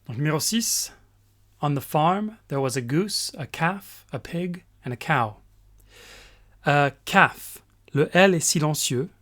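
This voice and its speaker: Slow-speaking male teacher. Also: fairly high pitch, expressive, fairly bright tone. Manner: slow, explains pronunciation step by step, fillers. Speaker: English teacher. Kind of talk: recorded grammar lesson.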